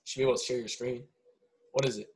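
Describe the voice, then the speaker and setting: A man's voice: mid-range voice, steady tone, fast talker. A man talking casually on a podcast, rambling with many restarts and often ending lines with "right?".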